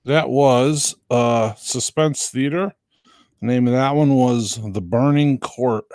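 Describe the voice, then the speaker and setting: A man hosts a live stream, chatting with viewers in a hesitant, unpolished way and often trailing off. His voice is medium-pitched, slow, and a little mellow, captured in a dry, studio-quality recording.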